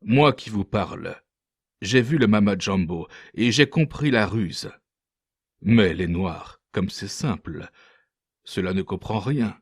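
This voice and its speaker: A boastful ship's interpreter spins a scornful, mocking yarn, as a man puts him on. The voice sits low and unhurried. The sound is dry and close, as in a storybook reading. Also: breathy edge, no echo, heavily acted. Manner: lively mocking anecdote-telling.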